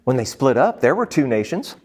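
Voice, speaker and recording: A man's voice: mid-range voice, brisk, breathy edge. A man leading a group Bible study, teaching and asking the group questions. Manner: animated, asks the group questions.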